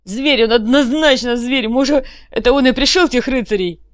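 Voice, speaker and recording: A woman's voice: a little high, moderate pace, no echo, studio quality, lightly acted. A woman voicing a crude, whiny male redcap thug in an audiobook, rambling and pleading, repeating words. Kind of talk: audiobook character voice.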